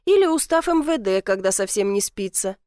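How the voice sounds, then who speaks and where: A woman reading the lines of a mocking, self-assured young man in an audiobook, with a dry, teasing, deadpan delivery. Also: medium pitch, fairly quick, clear, resonant tone, no room sound, close to an everyday voice.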